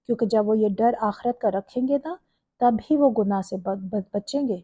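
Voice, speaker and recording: A woman's voice: fairly high pitch, dark tone, husky, dry recording. A woman giving a Quran commentary lecture, explaining verse by verse with small stumbles. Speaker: religious lecturer.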